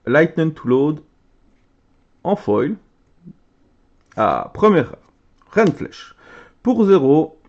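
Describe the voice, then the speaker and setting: An excitable, chatty man opening trading cards and reading their names aloud, his voice swooping up and down with animated pitch. The recording is muffled and lo-fi, like a simple home setup. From Belgium. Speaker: card game content creator. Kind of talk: casual card-opening commentary.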